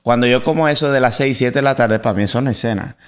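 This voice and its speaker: A man co-hosting a faith podcast, telling a personal story in a casual, animated way and putting on voices when he quotes others. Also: mid-range voice, fast talker, clear, resonant tone. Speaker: podcast co-host.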